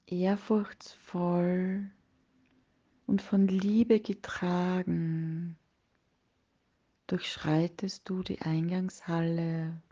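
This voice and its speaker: A woman leading a guided meditation in a soft, breathy, partly whispered voice, soothing and hushed, with long pauses between phrases. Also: on the low side, level tone, dull audio.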